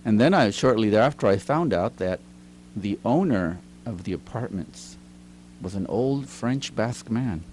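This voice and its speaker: A man's voice: on the low side, lively intonation, a little slow, a little mellow, a little hiss or hum. A middle-aged man, a teacher and writer, telling stories as an interview guest in a chatty way, often laughing. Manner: chatty, laughs often, acts out quoted lines. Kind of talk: casual storytelling interview. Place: recording studio.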